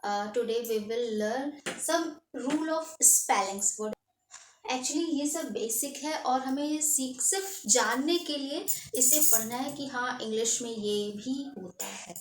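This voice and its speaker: A woman's voice: high-pitched, slow pace. A woman teaching an English grammar lesson in Hindi and English, explaining step by step and checking in with "okay". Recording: echoey room, distant mic, faint noise.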